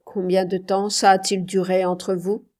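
A woman's voice: medium pitch, level tone, a little slow, darkish tone, close to an everyday voice. Woman voicing a sarcastic jealous husband. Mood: pressing. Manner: cutting, sarcastic questioning.

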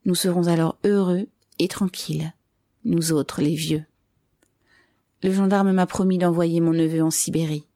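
Woman reader voicing an old bearded man: hoarse, placid, slow and blunt, for a storybook. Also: fairly low pitch, fairly even intonation, warm tone, no room sound, studio quality, lightly acted. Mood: calm gruff.

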